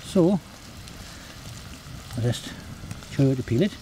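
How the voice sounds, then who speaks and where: A Welsh man in his fifties giving a relaxed, chatty cooking demonstration outdoors on a beach, with many ums and uhs. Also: medium pitch, measured pace, a little hiss or hum. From Wales. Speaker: forager and outdoor cook.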